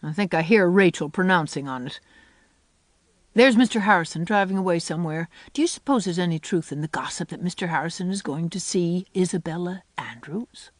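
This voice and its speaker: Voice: medium pitch, brisk, no echo, natural voice. A reader giving voice to a stern old countrywoman in her sixties, grumbling and matter-of-fact in an audiobook reading. The recording is dry and close, with no room sound. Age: 60s. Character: elderly woman, stern and practical. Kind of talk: audiobook character voice.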